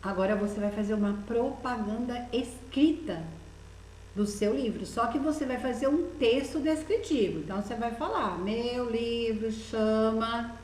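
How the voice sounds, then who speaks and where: A woman's voice: a little high, lively intonation, normal speed, a little mellow, reverberant, a little hiss or hum, rough recording. A Brazilian woman teaching primary school children in a recorded lesson, patiently coaxing them with many questions as she walks through a workbook. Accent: Brazilian Portuguese.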